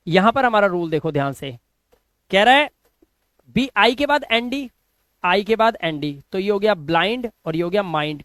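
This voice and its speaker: Male phonics tutor, high pitch, dry close sound, repeats and drills words. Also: a bit bright, no room sound. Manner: repeats words slowly and quizzes viewers. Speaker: English pronunciation teacher. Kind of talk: explaining phonics rules in Hindi.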